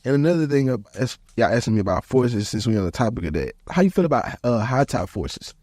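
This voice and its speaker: A man's voice: mid-range voice, fast talker. Slangy man in his thirties. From Houston, Texas. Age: 30s. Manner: animated storytelling, slangy, repeats "bro". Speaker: podcast host. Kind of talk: casual podcast chat.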